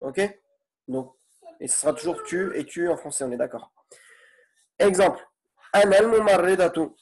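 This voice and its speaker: A man's voice: high-pitched, lively intonation, normal speed, a little mellow. A man teaching an online Arabic grammar lesson in French, explaining patiently and checking in with his students often.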